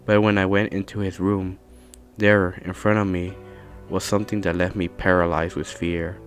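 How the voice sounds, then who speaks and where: A man narrating a scary story in a calm, measured storytelling manner. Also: low voice, faint music behind. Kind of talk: scripted horror narration.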